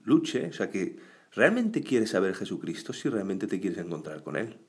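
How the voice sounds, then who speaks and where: Sacerdote que predica de forma coloquial. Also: male voice, lowish voice, sing-song, moderate pace. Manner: conversational preaching, frequent tag questions, acts out voices in the story. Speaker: priest. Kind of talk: weekday homily.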